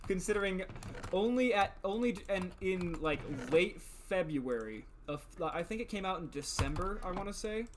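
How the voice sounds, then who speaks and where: A man's voice: sits high, expressive, moderate pace, noisy background. A man streaming a video game in casual chat, congested with a stuffed-up nose, joking and swearing freely.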